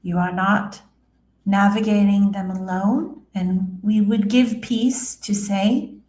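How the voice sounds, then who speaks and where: Woman channeling a very slow, solemn spirit, seance-medium style. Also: mid-range voice. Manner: halting, solemn, measured, with hums and long pauses. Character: serene female spirit guide speaking through a seance medium. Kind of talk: trance channeling, addressing listeners as a spirit. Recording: roomy, echoing sound.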